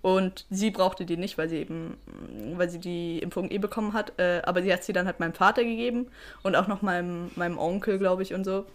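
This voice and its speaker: A woman's voice: fairly low pitch, flat delivery, brisk. A young woman chatting casually and telling anecdotes as a podcast co-host.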